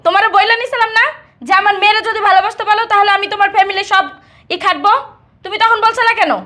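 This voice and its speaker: A woman's voice: extremely high pitch, fast talker, fairly bright tone. A woman playing a pleading, defensive mother. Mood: reproachful. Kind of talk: Bangladeshi short drama acting.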